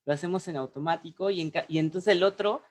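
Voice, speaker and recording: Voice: mid-range voice, quick pace. Thoughtful co-host of a voice webinar. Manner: thoughtful, searches for words and corrects itself. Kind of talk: reflective webinar conversation.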